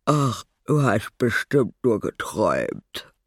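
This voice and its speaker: A man's voice: low voice, big pitch swings, moderate pace, no echo, studio quality, full character voice. A man voicing a sleepy, easygoing father who reassures. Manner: yawning, reassuring.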